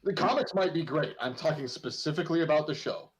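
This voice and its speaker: A man's voice: on the high side, fast talker, crowd noise. A man playing a tabletop game, chatting casually in a wry, blunt way.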